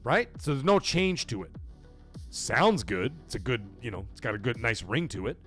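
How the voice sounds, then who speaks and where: Speaking at normal speed in a medium-pitched, fairly bright and very animated voice, a gaming streamer talks to his chat with faint music behind him. He pushes his argument emphatically and persuasively, constantly asking "okay?" and "right?".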